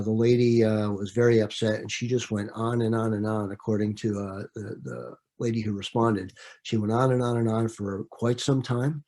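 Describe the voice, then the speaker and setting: A man's voice: lowish voice, a little mellow. A man leading a training session in a conversational way, with frequent fillers and repeated words. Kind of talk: training presentation.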